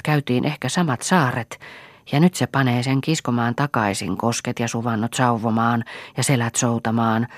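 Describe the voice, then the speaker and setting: A man reading a novel aloud as an audiobook narrator, in a measured, dramatic storytelling manner with soft, half-whispered asides. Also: mid-range voice, dry recording, clean studio sound. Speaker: audiobook reader. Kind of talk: scripted narration.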